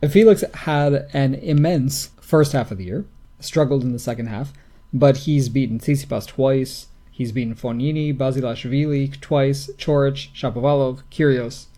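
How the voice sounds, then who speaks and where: A man's voice: medium pitch, moderate pace, dark tone. A man co-hosting a tennis podcast in casual chat, matter-of-fact, rattling off lists. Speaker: podcast co-host.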